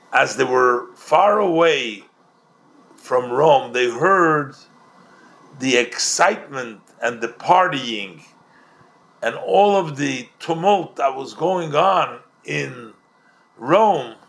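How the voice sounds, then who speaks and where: Slow gravelly man teaching a Talmud story. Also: on the high side, fairly bright tone. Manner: retells a story, then explains it, with many restarts. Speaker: Torah teacher.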